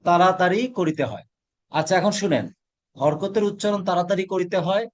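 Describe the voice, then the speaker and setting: A man's voice: high-pitched, brisk. A man teaching a Quran reading class, asking questions, repeating the answers and drilling pronunciation with the students. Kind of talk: teaching a class, call and response.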